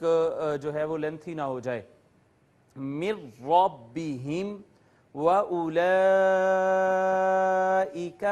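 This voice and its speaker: High-voiced man teaching a lesson. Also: darkish tone. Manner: patient, methodical, repeats key terms with definitions; addresses viewers politely. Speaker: Quran teacher. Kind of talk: lecture explaining Arabic letters and recitation rules.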